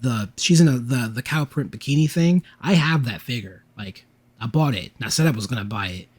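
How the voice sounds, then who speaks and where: A man's voice: medium pitch, expressive, fairly quick, breathy edge. A man co-hosting a podcast, telling a rambling story in casual chat and acting out what people said. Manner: rambling storyteller, acts out quotes. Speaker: podcast co-host.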